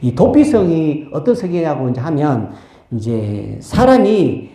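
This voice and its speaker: A man preaching a sermon as a pastor, telling a Bible story in an animated way and acting out its voices, recorded in a church. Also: fairly high pitch, a little slow. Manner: animated, acts out the quotes in the story. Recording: echoey church hall.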